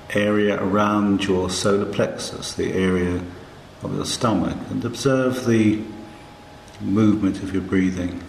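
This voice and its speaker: Slow, low-voiced man guiding a meditation. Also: vocal fry, echoey room, a little hiss or hum, poor audio. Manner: calm, hushed, soothing, with long pauses between short phrases. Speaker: guided meditation narrator. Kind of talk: slow guided meditation narration.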